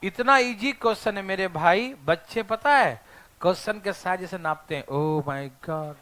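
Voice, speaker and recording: A man's voice: high voice, unhurried, sharp tone. A male math teacher lecturing a classroom, teasing his students and checking in with them constantly.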